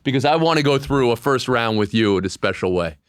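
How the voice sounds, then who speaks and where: Playful, animated talk show host man. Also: mid-range voice, brisk, smooth, dry recording. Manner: playful, animated, self-described play-by-play guy. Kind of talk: casual interview chat.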